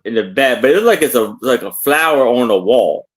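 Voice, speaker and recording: Man, mid pitch, hesitant, many restarts, casual live chat. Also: expressive, brisk, breathy edge.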